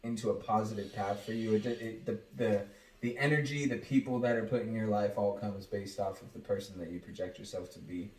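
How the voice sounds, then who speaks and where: A man's voice: on the low side, a little fast, darkish tone. A man co-hosting a podcast, speaking heartfelt and reflective in casual chat, often repeating words as he thinks. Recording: roomy, distant mic.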